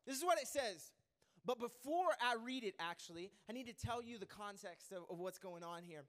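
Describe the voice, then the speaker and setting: A man preaching a sermon as a pastor, lively and joking, rambling with fillers and restarts. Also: sits high, fairly quick.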